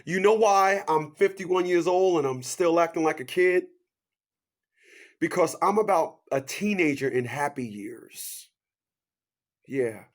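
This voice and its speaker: A man in his fifties giving a preachy motivational monologue, asking rhetorical questions, repeating his catchphrases and swinging from loud, high bursts down to hushed asides. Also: measured pace, pauses often. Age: 50s.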